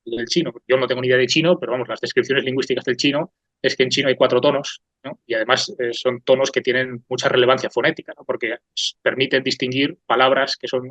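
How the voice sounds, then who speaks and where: Thoughtful and digressive, a cultural talk show host lectures off the cuff, frequently checking in with his listener. He has a mid-range, fairly bright voice, and the lo-fi recording is dry, slightly dull, and free of echo.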